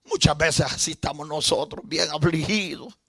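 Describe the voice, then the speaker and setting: A male pastor preaching an impassioned sermon, rising to shouts and calling out to the congregation. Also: on the high side, normal speed, vocal fry, husky, no room sound, clean studio sound.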